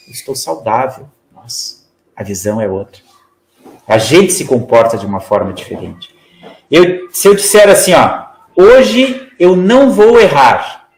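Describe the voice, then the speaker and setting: Man, spiritist lecturer, teaching tone, acts out example phrases, mid pitch, echoey room. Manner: didactic, acts out example phrases, many "né?" tags. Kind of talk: spiritist study talk.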